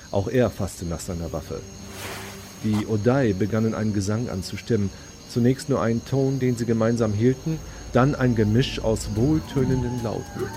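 Brief: male audiobook narrator, lowish voice, dramatic reading, loud music bed. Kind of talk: scripted story narration. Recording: read over loud background music.

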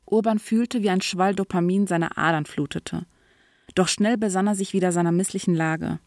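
A woman reading a story aloud in an even, clear storytelling manner, now and then lightly voicing the characters. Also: on the low side, normal speed, dry recording, clean studio sound. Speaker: narrator. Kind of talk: audiobook reading.

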